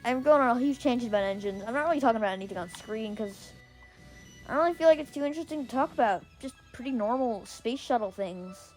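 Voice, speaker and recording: A woman with a squeaky voice giving casual, rambling gameplay commentary, often going off on tangents and restarting her sentences. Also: animated, quick pace, a little mellow, poor audio. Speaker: gaming video creator. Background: faint music and controller clicks.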